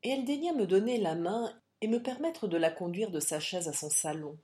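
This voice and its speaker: A woman narrating a classic novel in measured, expressive audiobook reading. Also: medium pitch. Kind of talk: scripted literary narration.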